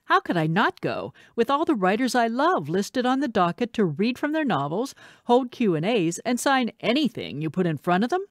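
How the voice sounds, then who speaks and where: A woman narrates an audiobook as a bookish single schoolteacher in her twenties, a wry, candid storyteller, reading the scripted text in a wry, matter-of-fact mood. Her pitch is animated and her pace normal, and the sound is dry and close with no echo.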